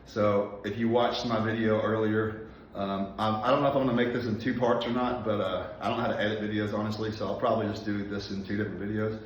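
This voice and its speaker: A man's voice: fairly low pitch, flat delivery, a little hiss or hum. Breathless man in his forties in an echoey gym. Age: 40s. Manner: careful, deliberate enunciation with many fillers. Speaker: personal trainer. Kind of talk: casual workout vlog. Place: gym, indoors. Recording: echoey, distant, dull gym recording.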